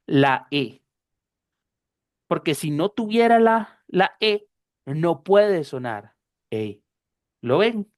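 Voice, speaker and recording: A woman teaching a class, explaining slowly and patiently, often repeating herself and checking that her students follow. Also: lowish voice, animated, darkish tone, no room sound, studio quality. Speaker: English teacher.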